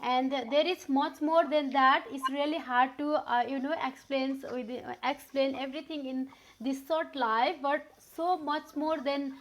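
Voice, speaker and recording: A woman from Nepal speaks on a live video call. Her voice sits high, and she hesitates often, filling gaps with small sounds as she explains. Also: fairly even intonation, measured pace. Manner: hesitant, many fillers. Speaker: panelist. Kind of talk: live panel chat.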